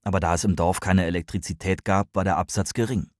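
A man reading a story aloud as narrator, in a calm, even storytelling manner. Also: low-pitched, fast, dry recording, studio quality. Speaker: audiobook narrator. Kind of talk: scripted narration.

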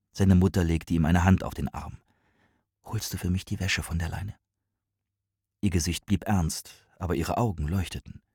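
A man reading a story aloud as narrator, in a calm, even storytelling manner. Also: deep voice, husky, no room sound, clean studio sound. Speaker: audiobook narrator. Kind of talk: scripted narration.

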